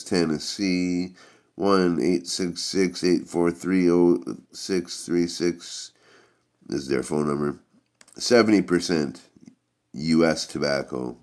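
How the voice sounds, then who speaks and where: A man giving a casual product review in a rambling, halting way. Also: rumbling low, vocal fry.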